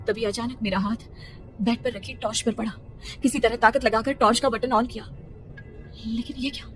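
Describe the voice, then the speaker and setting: Female storyteller for an animated horror tale; high-pitched, tense, dramatic, with music behind. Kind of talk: first-person horror story narration. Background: background music.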